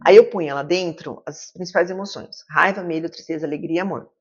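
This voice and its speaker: Fast-talking low-voiced woman in her fifties. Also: husky. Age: 50s. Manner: lively storyteller who acts out quoted dialogue. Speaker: psychiatrist guest. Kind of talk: casual interview conversation. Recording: muffled lo-fi recording.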